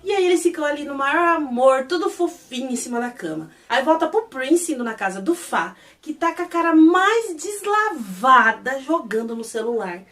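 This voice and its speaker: A Brazilian woman retells an episode in a gossipy, animated way, acting out the lines as she goes. Her voice is high and very lively. She sounds a bit distant from the mic. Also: moderate pace, hardly any pauses. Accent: Brazilian Portuguese. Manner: animated, gossipy, acts out quotes. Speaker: YouTube series reviewer. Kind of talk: casual episode recap.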